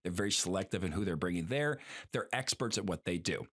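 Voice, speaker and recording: A man's voice: deep voice, animated, quick pace, a bit bright. A man co-hosting a podcast in casual chat, rambling with many fillers and restarts. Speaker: podcast co-host.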